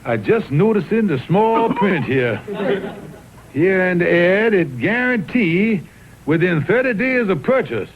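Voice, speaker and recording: A man's voice: high-pitched, sing-song, a little slow, crowd noise, full character voice. A man voicing a pompous, sputtering, scheming old colonel in a cartoon, with a Southern US accent and blustering delivery. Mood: cocky, scheming. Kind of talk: 1960s TV cartoon comedy acting. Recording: muffled vintage TV soundtrack with music.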